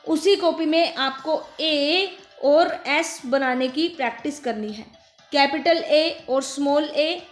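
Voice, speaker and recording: Indian woman, primary teacher, high voice, echoey room, faint music behind. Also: fairly bright tone. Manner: slow, repeats words for children to echo. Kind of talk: children's phonics lesson.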